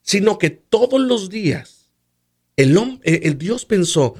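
A man's voice: high-pitched, sing-song, slow pace, a little mellow, slightly rough. A man preaching about marriage, asking rhetorical questions and quoting scripture. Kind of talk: sermon-style teaching on marriage.

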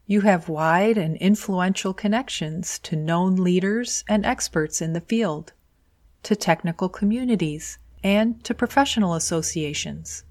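A woman presenting scripted advice to viewers in an orderly, measured way, setting out her points clearly one by one. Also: fairly low pitch, a little mellow.

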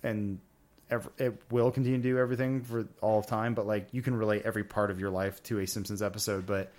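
A man's voice: fairly low pitch, flat delivery, fast, a little mellow. A man as a podcast guest, telling stories in an informal, rambling conversational way. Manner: informal, rambling, quoting himself and others. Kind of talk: casual conversational storytelling.

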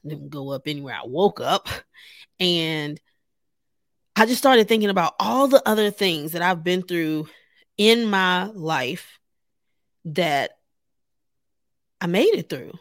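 A woman's voice: fairly low pitch, expressive, slow pace, long pauses, dry recording, studio quality. A woman hosting her own podcast, talking casually and animatedly straight to her listeners, laughing often. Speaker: podcast host. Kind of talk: casual solo podcast talk.

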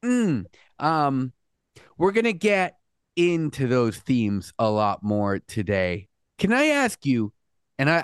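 A podcast host runs a casual interview, earnest and chatty, often restarting his sentences and murmuring "mm." His voice sits on the low side, clear and resonant, captured dry with clean studio sound.

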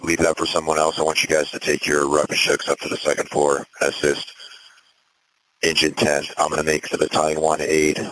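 Over a two-way radio with poor audio, a man acting as fire incident commander, a battalion chief, issues short, calm orders in routine emergency dispatch exchanges. His bass voice is a bit bright, utterly flat in delivery, and a little fast.

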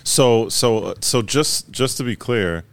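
A man's voice: mid-range voice, slow pace. A man hosting a casual interview, playful and teasing, laughing easily with his guest. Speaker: podcast host.

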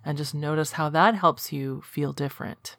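Calm woman coach with a gravelly edge. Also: deep voice, normal speed, dry recording, clean studio sound. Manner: calm, gently instructive. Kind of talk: guided self-help instruction.

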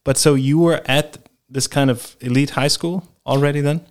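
A man hosting a casual interview, friendly and chatty, with quick affirmations. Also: medium pitch, fairly even intonation. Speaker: podcast host.

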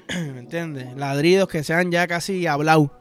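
A high-pitched man with a Puerto Rican accent hosts a podcast. He delivers a crude, rambling, profane comic monologue over faint background music. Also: a little slow. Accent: Puerto Rican Spanish. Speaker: podcast host. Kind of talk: casual comedic podcast monologue.

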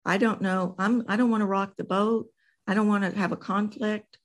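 A woman's voice: mid-range voice, fairly even intonation, moderate pace, voice pushed up, close to an everyday voice. A woman voicing a timid, people-pleasing woman who avoids conflict, meek and hesitant.

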